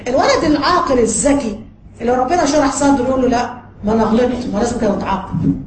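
A high-voiced woman with an Egyptian accent gives a lively religious lesson, slipping into quoted voices with light laughs. She rattles along at great speed. The sound is roomy, with clear background noise behind her. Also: racing. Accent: Egyptian Arabic. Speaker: religious teacher.

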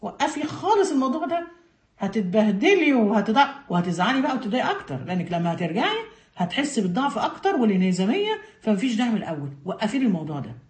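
A woman's voice: on the high side, sing-song, very fast, darkish tone. A woman with an Egyptian accent voicing a sly, coaxing tempter who talks a listener out of her resolve. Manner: coaxing, discouraging. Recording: roomy echo.

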